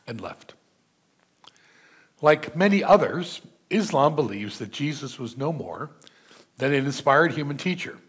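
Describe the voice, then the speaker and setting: An older man, a pastor, preaching a measured sermon from a church pulpit and reading scripture aloud. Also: mid-range voice, breathy edge. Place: church sanctuary. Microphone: pulpit mic, seen from far camera.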